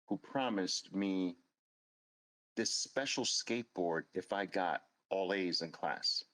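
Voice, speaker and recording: A man's voice: on the low side, fairly bright tone, poor audio. A man in his late fifties, hosting a show and telling a personal story in an earnest, emphatic way, repeating phrases for stress. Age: 50s. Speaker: host.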